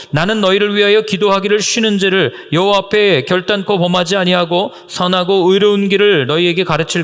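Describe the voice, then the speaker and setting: A man preaching a sermon as pastor, animated and at times dropping to a soft hush. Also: high voice, in a large hall. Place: underground church hall. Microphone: voice recorder.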